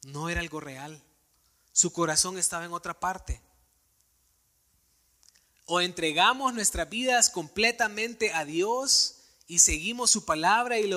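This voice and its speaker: A male preacher delivers an earnest sermon, putting searching questions straight to his congregation. His voice sits a touch high and rings bright and sharp. The sound carries a long reverb, as from a big church sanctuary.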